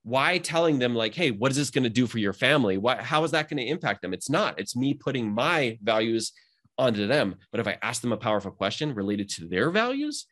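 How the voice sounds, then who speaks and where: A man, a mindset coach, talking energetically in a casual conversation, his pitch jumping up on emphatic points. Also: a little fast. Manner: energetic, motivational, rising pitch when emphatic.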